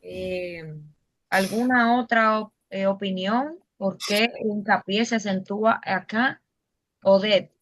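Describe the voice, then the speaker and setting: A woman's voice: medium pitch, slow. A woman teacher leading an online class, patiently asking questions and explaining step by step.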